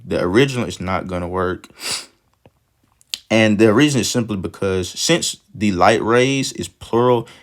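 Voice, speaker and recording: A man with a cold, sniffling, casually talking through English test questions step by step and thinking aloud as he goes. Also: deep voice. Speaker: test prep tutor. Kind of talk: walking through practice questions.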